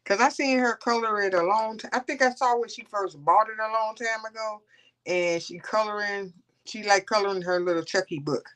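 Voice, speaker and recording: A woman's voice: medium pitch, normal speed, a bit bright. A woman hosting a casual coloring livestream, rambling and chatting with her viewers. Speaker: livestream host.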